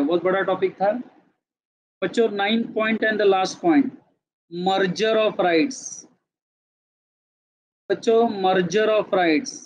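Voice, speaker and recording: A man with a fairly high voice teaches a class in a lecture style, moving back and forth between Hindi and English. He keeps asking the students whether they follow. The recording is a bit dull and lo-fi, made in a classroom.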